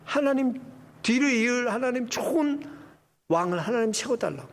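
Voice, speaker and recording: Animated high-voiced Korean pastor preaching. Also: male voice, normal speed. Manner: animated preaching, acts out the king's indignant prayer with sudden loud outbursts. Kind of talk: sermon. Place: church sanctuary.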